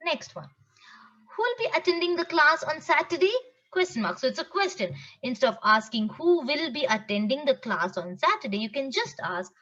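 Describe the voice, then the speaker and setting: Lively high-voiced woman teaching spelling. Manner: spells out words letter by letter and asks the class questions; animated, emphatic teacherly delivery. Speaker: schoolteacher. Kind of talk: recorded English grammar lesson for children. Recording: dull lo-fi recording.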